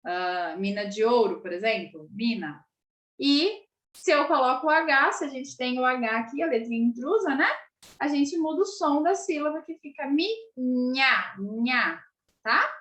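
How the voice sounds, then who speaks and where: A woman's voice: high voice, moderate pace, fairly bright tone. A Brazilian woman teacher giving a patient video lesson for children, checking in with frequent tag questions and sounding out syllables. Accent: Brazilian Portuguese. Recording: echoey room.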